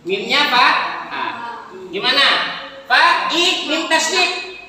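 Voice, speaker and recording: A woman's voice: high voice, expressive, takes it slowly, pushed and bright. A woman teaching Quran recitation rules to students, patiently asking questions, counting beats aloud and chanting example verses. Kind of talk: tajweed lesson with students. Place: classroom with students. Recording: echoey room, far from the mic.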